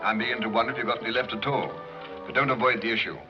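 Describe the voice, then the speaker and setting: An actor playing a jovial, teasing society gentleman, wisecracking in 1930s screwball comedy banter. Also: mid-range voice, fairly even intonation, very fast, lightly acted. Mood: teasing, curious. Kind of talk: 1930s screwball film acting. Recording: dull 1930s film soundtrack with music.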